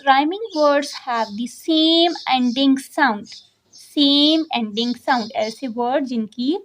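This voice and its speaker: A woman's voice: high-pitched, a little hiss or hum. A woman teacher with a Pakistani accent, reading a textbook lesson line by line and explaining each part. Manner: reads English lines slowly and deliberately, then explains quickly.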